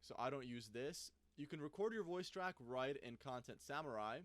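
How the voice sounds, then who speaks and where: A man giving a casual screen-recorded software tutorial, thinking aloud as he clicks through the app. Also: mid-range voice, animated, moderate pace, no room sound. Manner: thinks aloud while clicking, loose and conversational. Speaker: software reviewer.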